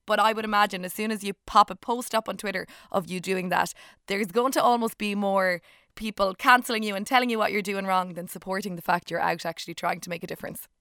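A woman presenting a radio show, questioning her guest in a brisk, upbeat way. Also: mid-range voice, steady tone, sharp tone, dry recording, studio quality. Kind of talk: radio interview.

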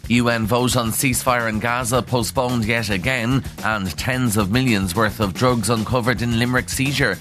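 A man's voice: mid-range voice, steady tone, normal speed, hardly any pauses, music in the background. An Irish man reading a scripted radio news bulletin as a newsreader. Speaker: news reader. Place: dry studio.

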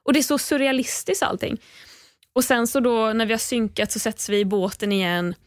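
A woman's voice: a little high, fairly even intonation, no room sound, clean studio sound. A young woman, a podcast guest, tells a story in casual chat, swears often and acts out what people said. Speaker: podcast guest, reality show contestant.

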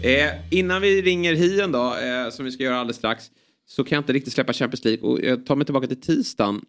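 A man's voice: mid-range voice, a bit bright, faint music behind. A man hosting a podcast with casual chat about sport. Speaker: football podcast host.

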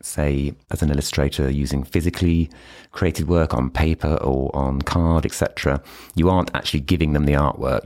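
Very deep-voiced British man explaining. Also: darkish tone. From United Kingdom. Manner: explains step by step with examples. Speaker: podcast guest, illustration licensing expert. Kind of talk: explanatory interview talk. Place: indoor meeting room.

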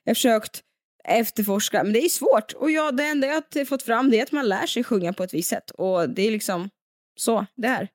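A young woman co-hosting a podcast, bubbly and enthusiastic as she chats. Her voice is a little higher than most, and the sound is dry and close. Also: dry recording. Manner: lively, enthusiastic, chatty. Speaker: podcast co-host. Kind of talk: casual chat.

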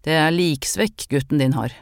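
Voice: medium pitch, no echo, clean studio sound, natural voice. An audiobook reader voicing a stern old woman folk healer who gives brusque, matter-of-fact orders. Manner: gruff, matter-of-fact commands. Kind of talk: audiobook character reading.

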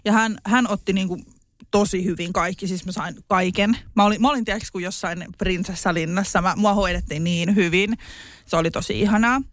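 A young woman chatting casually on a podcast, candid and quick to laugh, with a few swear words. Her voice sits in a middle range. The sound is close and dry. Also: medium pitch, dry recording. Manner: candid, laughing, swears freely, lively retelling. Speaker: podcast host telling her birth story. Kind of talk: casual chat.

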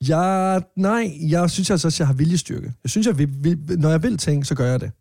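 Young man, podcast co-host, hesitant, laughs often, mellow voice, dry sound. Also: on the high side, dry recording. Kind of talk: casual chat.

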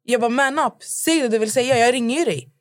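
Young woman, podcast co-host, lively storyteller who plays both parts; dry close sound. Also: a little high, no room sound. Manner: animated storyteller, acts out both sides of chats. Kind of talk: casual chat.

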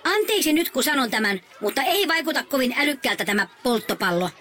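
Woman voicing a boy genius, high pitched, stiff formal speech, children's audio drama. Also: sing-song, sharp tone, full character voice. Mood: prim. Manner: stiff formal bookish phrasing.

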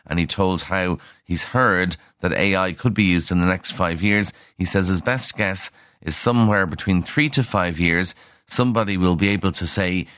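A man's voice: low voice, a bit bright, no echo, clean studio sound. An Irish man presenting a radio newspaper review in a chatty, conversational way, adding asides and fillers.

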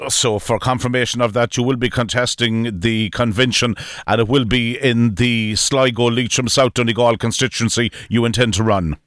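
An Irish man interviews for radio news in a mid-pitched voice. He phrases questions formally and at a measured pace, in a dry studio-like sound with little room. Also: steady tone, fairly bright tone, no echo.

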